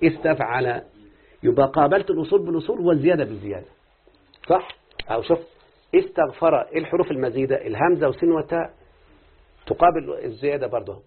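Brief: fast-talking Egyptian sheikh teaching grammar, husky voice, tinny phone-like sound. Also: male voice, fairly high pitch. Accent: Egyptian Arabic. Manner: lively, constantly quizzing students with rhetorical questions. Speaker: teacher of Arabic morphology. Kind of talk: classroom lesson.

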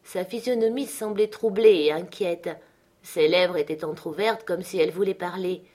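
A woman reads a classic novel aloud in a lowish, measured voice. Her delivery is clear and steady, typical of literary audiobook narration.

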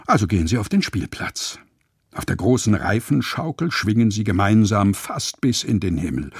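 Husky man reading a children's story. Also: lowish voice, no echo, clean studio sound. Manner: expressive, playful storytelling. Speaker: narrator.

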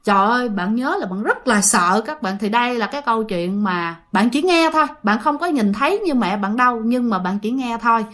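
Female host, higher voice, chatty ghost-story teller who talks straight to listeners. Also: lively intonation, brisk, hardly any pauses, fairly bright tone. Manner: chatty, addresses listeners directly, many fillers. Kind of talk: casual storytelling.

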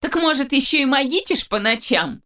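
Woman putting on a high shrill young guy, smug, whiny, wheedling, audiobook. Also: sing-song, normal speed, sharp tone, full character voice. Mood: sneering. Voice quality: shrill, nasal whine. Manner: sugary, sneering, then wheedling. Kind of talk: audiobook narration.

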